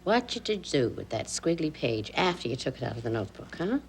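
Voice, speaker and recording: A woman's voice: deep voice, sing-song, brisk, slight background noise. A tender woman coaxing a child. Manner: gently coaxing, soft. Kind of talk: 1980s daytime soap acting.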